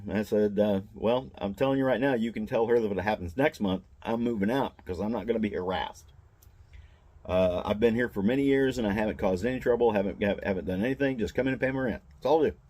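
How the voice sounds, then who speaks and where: Older man, low voice, plain-spoken and aggrieved, casual rambling storyteller. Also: dark tone. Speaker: mall booth vendor. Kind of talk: casual first-person storytelling.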